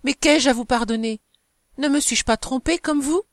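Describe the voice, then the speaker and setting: A woman's voice: sits high, no room sound, studio quality, voice pushed up. Woman voicing a feverish young wife. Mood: pleading. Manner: anguished, quick and feverish.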